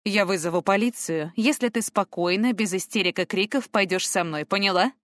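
A woman's voice: medium pitch, brisk, fairly bright tone, dry recording, studio quality, lightly acted. A woman voicing a tall, stern man who barks orders. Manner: barking orders.

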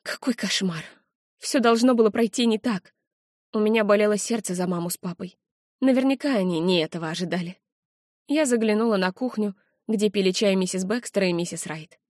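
A woman narrates an audiobook in the first person, steady and expressive. Her voice sits in a middle pitch. The recording is dry and close, with no room sound. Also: brisk, no echo.

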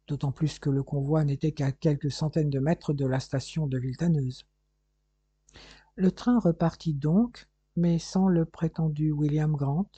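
A man reading an audiobook aloud in a steady, measured narration. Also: a little high, breathy edge, no room sound. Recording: dull lo-fi recording.

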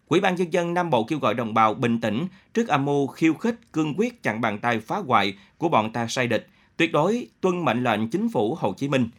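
A man narrating a novel in an expressive, dramatic reading style. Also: medium pitch.

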